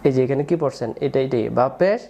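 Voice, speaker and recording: A man's voice: mid-range voice, animated, fast talker, mellow. A man teaching beginners to read the Quran, patiently repeating each letter sound and calling on the listener to answer back. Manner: call-and-response drilling. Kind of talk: step-by-step spoken lesson.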